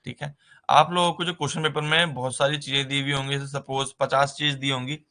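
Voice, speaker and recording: A man teaching a nursing writing-exam lesson in a conversational way, often pausing with a filler and mixing terms into his speech. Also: mid-range voice, little pitch movement, bright, forceful tone. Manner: conversational, repeats "ठीक है" as a filler, mixes English terms into Hindi. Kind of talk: explaining exam basics in a recorded lesson.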